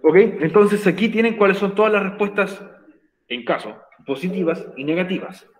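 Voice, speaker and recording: A man's voice: sits high, expressive, moderate pace. Patient male teacher, roomy echo. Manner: patient, repeats points, checks understanding with frequent "ok?". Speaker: English teacher. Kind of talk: virtual class explanation in Spanish.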